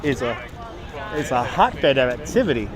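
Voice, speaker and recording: A man's voice: mid-range voice, very animated, normal speed. A middle-aged man with a Brooklyn accent hosting a casual walking live stream outdoors in the city, chatting and repeating himself. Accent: Brooklyn, New York. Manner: chatty, reading and answering viewers aloud, repeats himself. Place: outdoors on busy Manhattan streets. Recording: street noise, outdoor city ambience.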